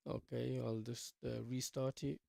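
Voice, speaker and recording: A man's voice: mid-range voice, level tone, unhurried, vocal fry, mellow. A man on a group voice call whose glitchy mic makes him sound robotic and bitcrushed, talking in a loose, rambling way. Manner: loose and rambling, fillers like "you know" and "man". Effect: robotic, glitchy, bitcrushed mic breaking up. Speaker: crypto community member on a group voice call. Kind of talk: casual chat. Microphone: faulty online voice-call mic.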